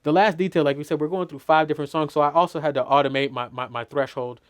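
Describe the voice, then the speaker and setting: Speaking at a quick pace, a man with a slightly high, steady, clean voice explains his mixing process. He's a middle-aged mix engineer teaching in a studio, and his delivery is relaxed and loose, full of "you know" and restarts.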